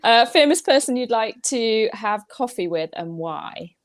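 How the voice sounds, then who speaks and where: Easygoing female co-host, quick to laugh. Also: on the high side, expressive. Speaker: podcast co-host. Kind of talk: casual chat and quick-fire questions.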